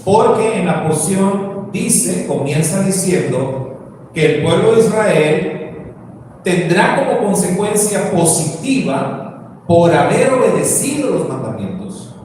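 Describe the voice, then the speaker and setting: Slow-talking preacher in an echoey hall. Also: male voice, sits high, sing-song, darkish tone. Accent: Mexican Spanish. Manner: slow, explanatory, asks rhetorical questions. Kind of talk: teaching sermon. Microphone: distant from the mic. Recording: echoey hall, distant mic, faint noise.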